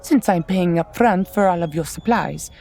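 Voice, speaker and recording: A woman's voice: fairly low pitch, normal speed, mellow, soft background music, lightly acted. A woman voicing a sly, teasing female reptilian rogue in an audio drama, with polite, formal phrasing. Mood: bargaining.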